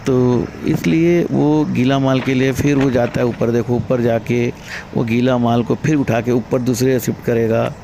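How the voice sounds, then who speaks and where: Walking around a construction site, a man narrates a vlog in a relaxed, chatty way, explaining the machine work. His mid-range voice has vocal fry and a measured pace, with a noisy background behind him.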